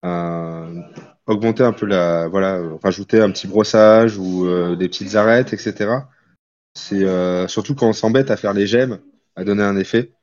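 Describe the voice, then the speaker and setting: Halting low-voiced man critiquing. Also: steady tone, darkish tone, lo-fi sound. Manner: halting, stumbles over words. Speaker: miniature painting reviewer. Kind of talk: casual critique.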